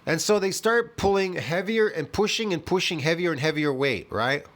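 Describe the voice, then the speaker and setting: A man's voice: a little high, moderate pace, fairly bright tone. Scornful, foul-mouthed man in his fifties. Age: 50s. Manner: profane, scornful, peppered with "man" and "bro". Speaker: fitness video host. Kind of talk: ranting reaction commentary. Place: at home.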